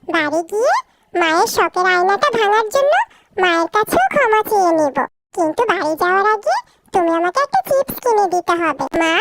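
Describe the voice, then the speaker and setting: A woman's voice: extremely high pitch, fairly bright tone, no room sound, full character voice. A woman voicing a naughty young boy in a cartoon who is cheeky and fond of chips, whining and pleading. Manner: pleading and whiny. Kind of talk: cartoon voice acting.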